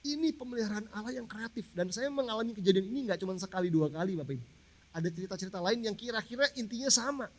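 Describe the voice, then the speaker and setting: High-voiced preacher in a reverberant hall. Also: male voice, lively intonation, very fast. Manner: conversational storytelling, addresses congregation directly. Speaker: pastor. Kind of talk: sermon with personal story. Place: large church hall. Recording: long church hall reverb.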